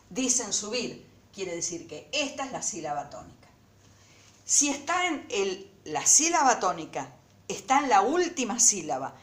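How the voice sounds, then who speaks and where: A woman teacher talks her students through a recorded lesson. She goes slowly and stresses each word, and her pitch climbs and falls a lot. The room around her sounds echoey. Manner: slow, emphatic, repeats words syllable by syllable.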